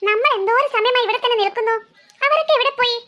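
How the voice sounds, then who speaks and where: Performer doing weary cartoon mum reasoning with kids, high bright voice. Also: fast. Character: tired mother short of money.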